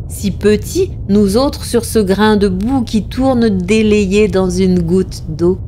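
A woman's voice: mid-range voice, mellow, a little hiss or hum. A woman giving a dramatic reading of a classic tale, impassioned and rising to anguished cries in the tense passages. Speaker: reader.

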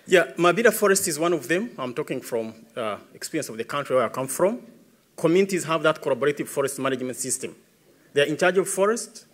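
A man's voice: fairly high pitch, lively intonation, fast. A man in his thirties with a Ugandan English accent, speaking earnestly as an environmentalist answering questions at a tribunal, building emphasis as he goes. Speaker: environmentalist witness. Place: large dark conference stage. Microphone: podium microphone.

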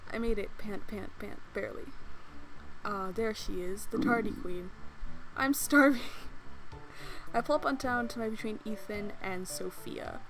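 A young woman hosts a let's play, reading a visual novel aloud and joking between lines in a playful, giggly way with casual swearing. Her medium-pitched voice is a little slow, the audio quality is poor, and game music plays behind her.

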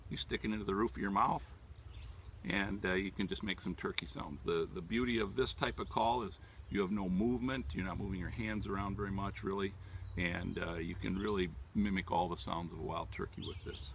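A man in his sixties giving an informal, halting demonstration as a hunting instructor, explaining things step by step. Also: deep voice, fairly even intonation, creaky, slight background noise. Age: 60s. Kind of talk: informal outdoor demonstration talk. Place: outdoors in leafy woodland. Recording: distant mic outdoors, natural background sounds.

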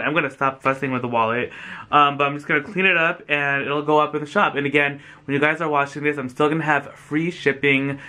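Sitting on a sofa in a small furnished room, a thirtysomething American vlogger who resells thrift finds talks to camera in an effusive, rambling way full of "like." His voice is on the high side, bright and forceful.

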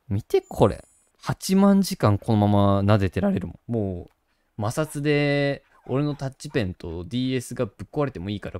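A man's voice: mid-range voice, darkish tone, smooth, dry recording. A man hosting a gaming channel, chatting casually and doting on a virtual puppy while reading the game text aloud.

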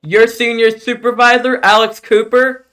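A young man on a prank call with a scammer, talking in a calm, deadpan way and spelling words out patiently. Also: very high-pitched, normal speed, clear, resonant tone. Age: young adult. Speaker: scam baiter.

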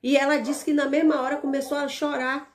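A woman's voice: high voice, flat delivery, fairly quick. A Brazilian woman with a slightly raised voice tells a religious testimony in a casual, chatty way. She leans hard on key words, repeats herself and restarts her sentences as she goes. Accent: Brazilian Portuguese. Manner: emphatic, repetitive storytelling with restarts. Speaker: evangelical channel host.

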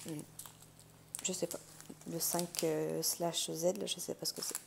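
A woman with vocal fry and a gravelly morning voice, chatting through an unboxing and thinking aloud. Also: on the low side, flat delivery, measured pace. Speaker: craft unboxing host. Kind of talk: casual unboxing chat. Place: indoors at a wooden table. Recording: handling clicks and crinkling noise. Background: crinkling plastic, clicks.

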